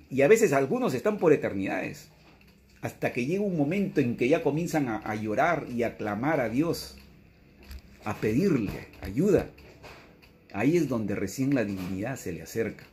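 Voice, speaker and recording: A man's voice: lowish voice, a little hiss or hum. A man, giving an earnest, repetitive spiritual teaching and often quoting a messenger. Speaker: religious teacher.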